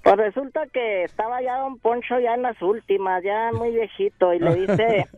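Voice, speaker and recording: A man's voice: sits high, fairly even intonation, normal speed, faint music behind. Man telling a joke over a tinny phone line. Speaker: caller. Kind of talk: telling a joke on a call-in show.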